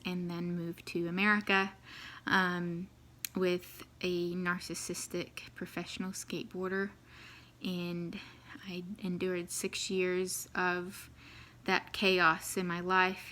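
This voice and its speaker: A woman's voice: lowish voice, a bit bright, slight background noise. A New Zealand woman in her thirties telling her life story casually to the camera, with many ums and easy laughs.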